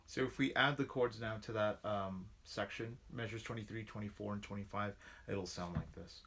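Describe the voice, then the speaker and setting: Low-voiced man teaching guitar strums. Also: steady tone, moderate pace, heavy background noise. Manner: patient, counts beats aloud and calls strum patterns. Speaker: guitar instructor. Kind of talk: online music lesson, counting strums over guitar. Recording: loud guitar playing under the voice.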